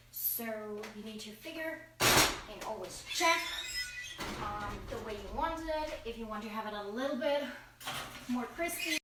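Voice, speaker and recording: A woman's voice: mid-range voice, a bit bright, a little hiss or hum. German-accented woman cooking in an echoey kitchen. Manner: chatty, searching for English words. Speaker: cooking vlogger. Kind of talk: casual cooking demonstration. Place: home kitchen. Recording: echoey kitchen, mic at a distance, clattering dishes.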